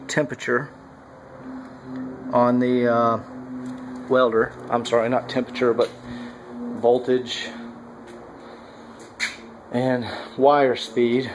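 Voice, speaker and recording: A man narrating his welding work on a car in a casual workshop vlog, halting with many fillers, on a handheld camera mic. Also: mid-range voice, completely flat delivery, over music, poor audio. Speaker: home car builder. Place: garage workshop, indoors.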